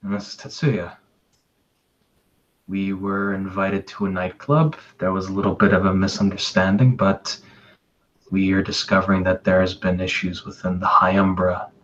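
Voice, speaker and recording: An earnest young woman adventurer, played by a man who explains things with a little hesitation. The voice is deep for her. The audio is slightly dull, with faint noise behind. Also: fairly even intonation, moderate pace, a bit bright. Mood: explaining.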